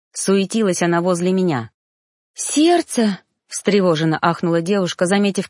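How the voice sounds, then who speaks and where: A woman voicing an emotional young woman whose voice rises high as she pleads. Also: darkish tone, no room sound, clean studio sound, natural voice.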